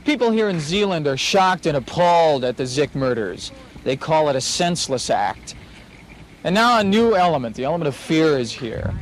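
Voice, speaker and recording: A man's voice: fairly high pitch, sing-song, moderate pace, a little hiss or hum, rough recording. A male TV reporter heard in an old 1970s newsreel, giving a formal broadcast report. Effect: old newsreel audio. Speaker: TV news reporter.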